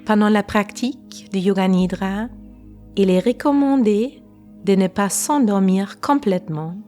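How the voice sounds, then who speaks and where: This is a meditation teacher guiding listeners through slow relaxation. Her mid-range voice stays calm and unhurried, she pauses after each short phrase, and soft music plays faintly.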